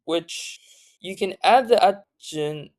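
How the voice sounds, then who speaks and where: A tired language tutor giving a casual spoken lesson, halting often with fillers and self-corrections. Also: mid-range voice, dry recording. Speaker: language teacher.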